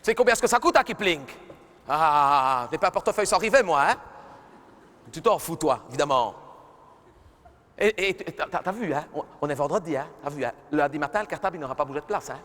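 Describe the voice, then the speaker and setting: This reverberant live arena clip has a man impersonating a fussy middle-aged mom who keeps repeating herself while scolding her daughter as part of a stand-up bit. He speaks on the high side, a bit bright and expressive, at a slightly quick clip.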